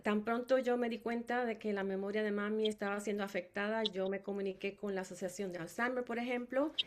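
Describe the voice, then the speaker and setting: Middle-aged puerto rican woman telling her caregiving story, lots of ums and restarts, steady mid voice. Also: mid-range voice, brisk, a little hiss or hum. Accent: Puerto Rican Spanish. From Puerto Rico. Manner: hesitant, many fillers and restarts. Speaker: family caregiver speaker. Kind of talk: personal testimony talk.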